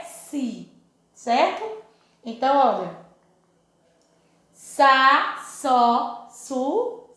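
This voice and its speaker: A woman teaching a children's phonics class with a Brazilian Portuguese accent. Her voice sits high and her pace is slow and deliberate, stretching syllables in a sing-song drill. She checks in constantly with the little ones, and the recording sounds heavily echoey, as if made in a bare room. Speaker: first-grade teacher.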